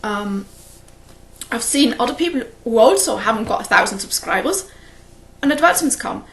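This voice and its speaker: Animated and a bit bright, her voice is on the high side and moves at a moderate pace. She's a flosstube host, a native English speaker, chatting casually to the camera in a cross-stitch video, rambling and often laughing at her own stories.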